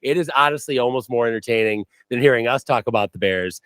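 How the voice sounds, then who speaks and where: A man's voice: mid-range voice, quick pace, a bit bright, clean tone, no echo. A man co-hosting a casual sports podcast, ranting in a profane, mock-outraged way. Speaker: podcast co-host.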